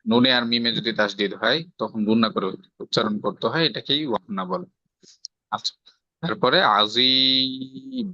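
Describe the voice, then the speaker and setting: Bangladeshi guy teaching tajweed, super bright crisp voice, dry kinda dull recording, keeps asking "right?". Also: fairly low pitch, brisk, dry recording. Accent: Bangladeshi Bengali. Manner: explains step by step, checks for understanding with rhetorical questions. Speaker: Quran recitation teacher. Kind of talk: patient tajweed lesson, quizzing a student. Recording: slightly dull, dry lo-fi sound.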